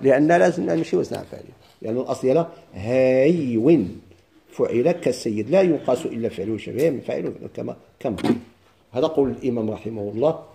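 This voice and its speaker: A man's voice: medium pitch, animated, creaky, dark tone, a little hiss or hum. Moroccan man teaching Arabic grammar. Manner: drills students with questions and answers; chants verse slowly. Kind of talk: classroom lesson with questions.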